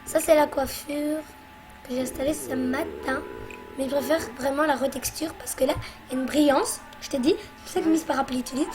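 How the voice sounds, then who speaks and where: A woman's voice: sits high, steady tone, brisk, over music. A woman hosting a let's play, chatting casually and bossily teasing her co-player as she plays. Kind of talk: casual gameplay commentary.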